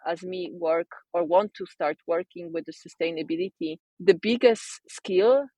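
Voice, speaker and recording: A woman with a Polish accent, a designer and coach speaking casually as an interview guest, thoughtful and pausing to search for words. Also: on the low side, mellow, breathy edge, no echo, dull audio. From Poland.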